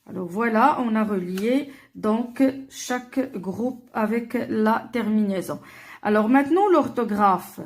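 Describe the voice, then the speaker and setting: Woman teacher, slightly high voice, slow patient worksheet walkthrough for young pupils, repeats every answer. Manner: slow and deliberate, repeats answers, many "alors" and "euh".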